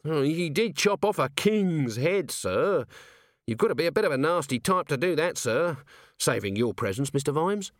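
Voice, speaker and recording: A male narrator gives voice to a nervous, shifty little corporal in an audiobook, hesitant, stammering, and full of "sir"s. He lifts his pitch fairly high above his own, with big pitch swings at a moderate pace, and the studio sound is clean and echo-free.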